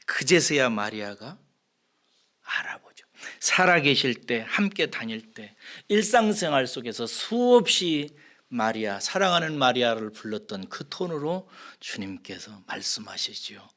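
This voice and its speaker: Delivering an expository sermon, a male pastor asks his congregation questions and then supplies the answers, moving from loud, emphatic moments to quiet whispers. His medium-pitched voice has a sing-song quality and a measured pace.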